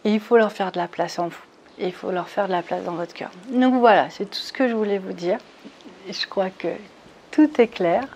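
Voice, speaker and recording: Woman talking people through a meditation, gentle step by step, keeps asking "d'accord?", a bit gravelly, mid pitch. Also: normal speed, a little hiss or hum. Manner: coaxing, checks in with "d'accord?"; soothing, leads step by step. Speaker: spiritual retreat leader. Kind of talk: guided meditation talk.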